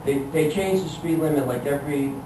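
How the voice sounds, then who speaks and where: Middle-aged male comedian, slightly high voice, exasperated self-deprecating storytelling, halting delivery, noisy recording. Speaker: stand-up comedian. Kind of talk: live comic storytelling to an audience. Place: live room with an audience. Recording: echoey room, distant mic, clear background noise.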